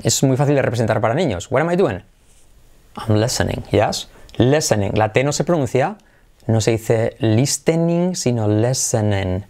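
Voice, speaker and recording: A man teaching English to Spanish speakers, switching between both languages and repeating example phrases, checking in with quick questions. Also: medium pitch. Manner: lively, drills phrases by repeating them, checks in with "¿sí?" and "all right". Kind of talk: bilingual language lesson.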